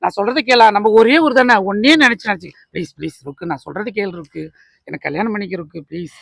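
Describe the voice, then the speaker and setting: A man's voice: very high voice, fast talker, fairly bright tone, no room sound, studio quality. An actor playing a desperate elderly man who cries and keeps pleading with a young woman to marry him, in a comedy skit. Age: older. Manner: pleading, repeats please over and over. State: crying.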